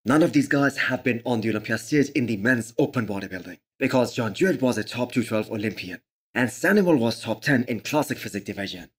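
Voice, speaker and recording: Male fitness channel host for commentary voice-over: slightly rough, husky tone, medium pitch, opinionated and emphatic delivery. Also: animated, quick pace.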